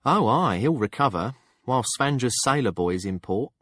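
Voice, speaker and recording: A man's voice: medium pitch, expressive, moderate pace, no echo, pitched above the performer's own voice, close to an everyday voice. A man voicing a blunt, shrewd middle-aged townswoman who reads palms, speaking frankly in an audiobook. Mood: sour. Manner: frank and sharp-tongued. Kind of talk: audiobook character voice.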